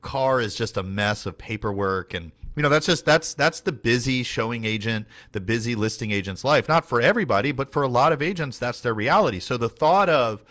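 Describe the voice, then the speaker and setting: A man's voice: mid-range voice, animated, brisk, hardly any pauses, a bit bright. A man talking through a casual training session with lots of fillers and restarts. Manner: rambling, many fillers and restarts. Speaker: team leader and trainer.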